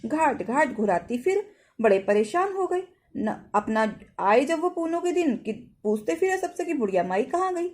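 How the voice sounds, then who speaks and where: Woman storyteller for a devotional tale, high animated voice, mellow tone, homely plain delivery. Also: normal speed. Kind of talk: devotional folk tale narration.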